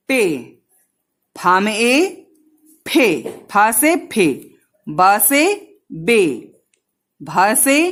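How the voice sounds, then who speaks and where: A woman teaching young children a lesson, drawing out each syllable and repeating drills, speaking to them directly and gently. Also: mid-range voice.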